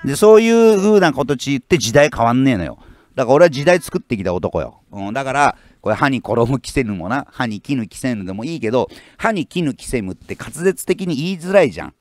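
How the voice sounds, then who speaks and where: A man's voice: mid-range voice, very animated, a little fast, darkish tone, dry recording. A man, ranting casually as a fishing YouTuber and bluntly scolding his commenters, with many rambling fillers. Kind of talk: casual rant reading out viewer comments.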